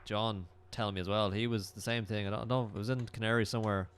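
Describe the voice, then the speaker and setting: A man's voice: fairly low pitch, fairly even intonation, fast, clear, resonant tone. A young man with a Dublin Irish accent, an easygoing podcast co-host who chats agreeably with plenty of fillers. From Ireland. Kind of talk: casual chat.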